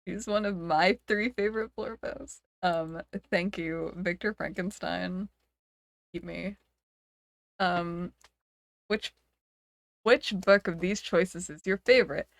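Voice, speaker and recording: A woman streaming in a relaxed, rambling chat, laughing between thoughts and making a show of mock despair. Her voice sits a little low and moves at a slow, easy pace. The sound is close and dry, with no room around it. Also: dry recording. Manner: giggly, rambling, self-dramatizing. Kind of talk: casual chat.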